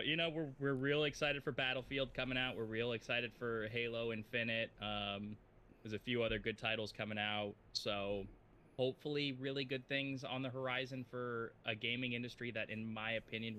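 A man's voice: medium pitch, steady tone, normal speed, pushed and bright, slight background noise. A man co-hosting a casual gaming podcast, blunt and opinionated as he complains about the state of the games industry. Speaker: podcast co-host.

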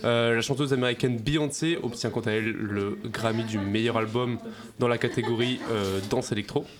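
A man's voice: mid-range voice, fairly even intonation, normal speed, a crowd in the background. A man co-hosting a pop culture podcast, presenting music news in casual chat, hesitating with many fillers and joking. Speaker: podcast co-host, music segment.

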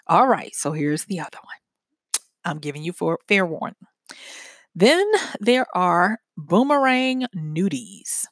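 A woman's voice: mid-range voice, no echo, clean studio sound. A woman hosting a talk show, explaining to her audience in a chatty, loose way, with fillers, restarts and frequent laughs. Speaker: podcast host. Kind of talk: casual commentary to an audience.

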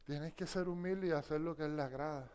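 A woman preaching a sermon with passion, swinging between hushed questions and loud, emphatic passages. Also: deep voice, fast talker.

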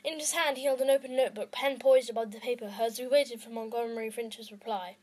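A woman's voice: on the high side, fairly even intonation, fast talker, a little mellow, slightly rough, low-quality recording. Self-conscious woman reading a story aloud. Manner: self-conscious, stumbling over words. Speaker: podcast host and reader. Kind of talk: amateur audiobook reading.

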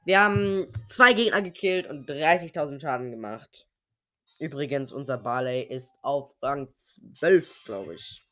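Young man, sick with sore throat, casual gameplay commentary, slangy, muttering to himself, mid-range pitch. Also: a little slow, bright, forceful tone. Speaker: host of a gaming podcast.

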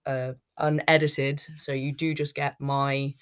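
A woman's voice: very deep voice, little pitch movement, slow, clean tone. British woman in her 30s, podcast host, chatty n rambly, just telling stories off the cuff. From United Kingdom. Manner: rambling, chatty, self-interrupting. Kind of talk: casual unscripted personal storytelling.

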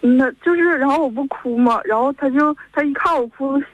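A caller in her twenties with a Northeastern Mandarin accent tells her story over the phone in a rambling way, linking events with "and then." Her voice is high-pitched and fairly quick, and the dry recording comes through a dull, lo-fi phone line.

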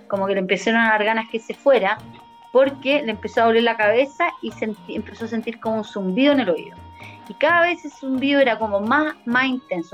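A young woman with a Chilean accent tells a friend a story in loose, slangy chat, her voice sitting a bit high. It comes through muffled and lo-fi, with faint music behind her. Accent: Chilean Spanish. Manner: slangy, animated, laughing often. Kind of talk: casual retelling of a story between friends.

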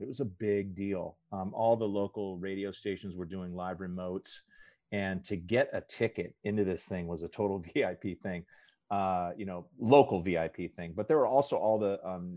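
Deep-voiced man telling a story. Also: no echo. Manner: animated storyteller, acts out quoted voices. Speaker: podcast guest. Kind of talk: casual storytelling.

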